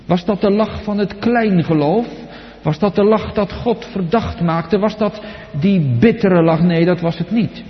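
A man preaching a sermon, dramatic and swinging between soft and loud, putting direct questions to his congregation. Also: high voice, measured pace. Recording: echoey hall, dull lo-fi sound.

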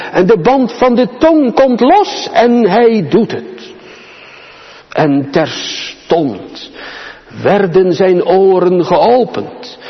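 A man preaching a sermon to his congregation, slow and solemn, with dramatic pauses and emphasis. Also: high-pitched. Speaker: pastor. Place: church. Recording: dull, reverberant church hall.

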